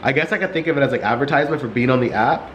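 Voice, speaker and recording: Young male vlogger, casual and monotone, filler-heavy, slightly breathless, faint room tone. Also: medium pitch, very fast, slight background noise, poor audio. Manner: rambling, many "like" fillers. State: short of breath. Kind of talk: casual vlog chat. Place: warm sunlit apartment living room. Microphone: camera resting on a couch.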